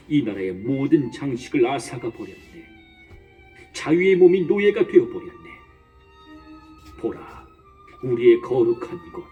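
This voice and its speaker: A man playing Mattathias, an old priest and father of sons, declaiming in a solemn voice over soft music, heard from a distance. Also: medium pitch, phone-quality sound.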